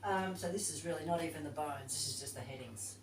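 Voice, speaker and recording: A woman's voice: deep voice, fast talker, slight background noise. A woman leading a yoga teacher training class, talking informally and thinking aloud as she reads to her group. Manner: chatty, informal, thinks aloud while reading. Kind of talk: casual group class talk. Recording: distant, echoey room recording.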